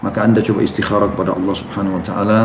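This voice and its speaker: A male Islamic preacher giving a question-and-answer sermon, telling stories and acting out quotes in an animated way. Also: fairly low pitch, rapid-fire. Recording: roomy with faint noise.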